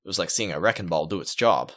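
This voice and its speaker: Fast-talking and low-pitched with a slightly bright edge, a male let's player reads a visual novel aloud and throws in playful joking remarks over the game's music.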